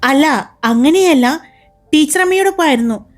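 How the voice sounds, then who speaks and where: A woman's voice: sits high, normal speed, faint music behind, natural voice. A woman voicing a chatty, caring young nurse. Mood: concerned.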